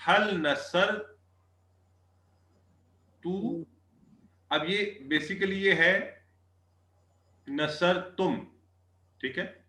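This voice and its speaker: Bright-voiced male teacher in an echoey room. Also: on the high side. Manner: repeats Arabic phrases slowly, checks understanding often. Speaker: Arabic teacher. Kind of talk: online class lecture.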